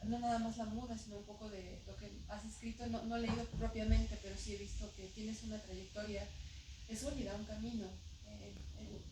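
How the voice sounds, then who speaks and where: A woman presenting at a book event asks the author questions, hesitating and restarting often. Her slightly high voice is picked up from a distance in a roomy hall. Clear background noise sits under her speech. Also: flat delivery, brisk. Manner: hesitant, full of fillers and restarts. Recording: roomy hall, far from mic, noisy.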